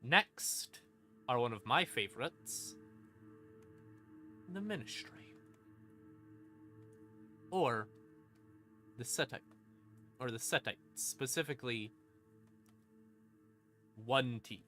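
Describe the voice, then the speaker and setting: With lively intonation, a sharp mid-range voice, and a slow pace broken by long pauses, a man streams a casual explanation of game lore. He keeps it informal, adding dry asides and dramatic emphasis, as creepy ambient music plays in the background.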